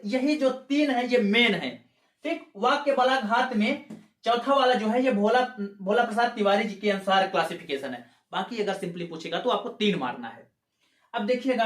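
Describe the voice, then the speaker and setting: Recorded in an echoey room, a high-pitched, slightly bright male teacher delivers a grammar lecture aimed at exams. He proceeds step by step, asks rhetorical questions, and repeats points while checking in with "ठीक है".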